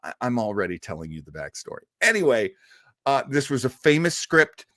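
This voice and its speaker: Very animated and brisk, this livestream host rambles through casual chat with his viewers, laughing and restarting as he answers them. His mid-range voice has a fairly bright tone, captured in dry, studio-quality sound.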